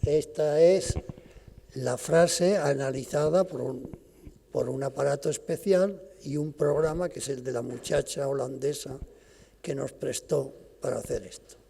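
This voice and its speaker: Gravelly older lecturer in a hall. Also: male voice, mid-range voice, warm tone, slight background noise. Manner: explanatory, pauses and restarts mid-phrase. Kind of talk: academic lecture. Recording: long reverb of a lecture hall.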